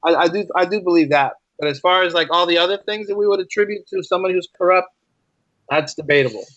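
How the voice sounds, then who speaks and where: Fast and high-voiced, a man being casually interviewed as a writer lays out his thoughts with animated energy, repeating phrases to stress them and acting out imagined quotes. The audio is dull, with no echo.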